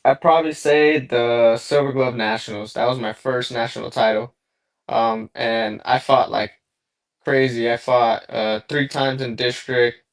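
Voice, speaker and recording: A young man from Southern California talks about his boxing past in an easygoing, meandering way. His voice sits at a medium pitch, and he fills pauses with ums and you-knows. The sound comes over a remote call. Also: steady tone. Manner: laid-back, rambling with many fillers. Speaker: boxer guest. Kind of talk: casual interview.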